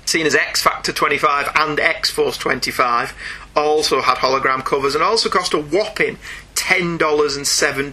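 A middle-aged British man hosts a casual comic book podcast, wry and jokey with a mock-exasperated manner. His voice is fairly high and sharp-toned.

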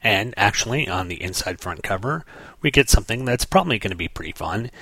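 Wry low-voiced man reviewing comics. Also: expressive, a little fast, bright, forceful tone, breathy edge, no room sound. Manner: wry, sarcastic asides. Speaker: podcast host reviewing comics. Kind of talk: casual comic review commentary.

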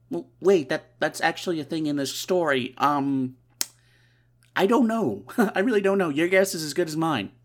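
A podcast host with a stuffy nose and a nasal, mid-pitched voice casually recaps a comic. Every so often the host breaks off for a wry, sarcastic aside.

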